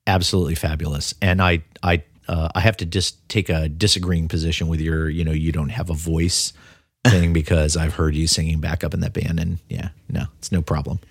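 A man hosting a casual podcast, joking and quick to laugh, with a husky voice. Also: rumbling low, level tone, no echo, clean studio sound. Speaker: podcast host.

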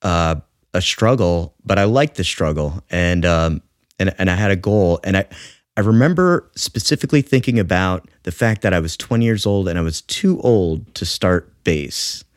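A man's voice: low voice, lively intonation, moderate pace, no echo, clean studio sound. A man in his thirties, a musician guest talking casually on a podcast, with many fillers and restarts. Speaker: guest bassist.

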